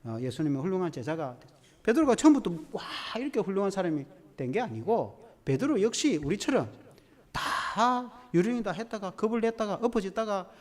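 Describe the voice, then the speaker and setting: A man's voice: sits high, very animated, fairly quick. A male pastor preaching a sermon in a church, telling the story with animation and acting out quotes. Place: church sanctuary. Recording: long church hall reverb.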